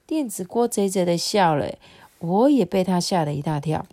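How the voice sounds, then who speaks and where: Woman, chatty read-aloud storyteller, lively intonation. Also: on the low side, normal speed. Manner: chatty, explains asides to the listener. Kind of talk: reading a picture book aloud to a child.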